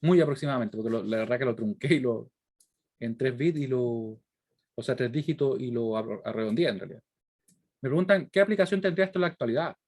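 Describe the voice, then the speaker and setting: Brisk and medium-pitched with a darkish tone, a Chilean-accented man lectures university students in a didactic style. He goes through examples step by step and repeatedly checks in with short questions.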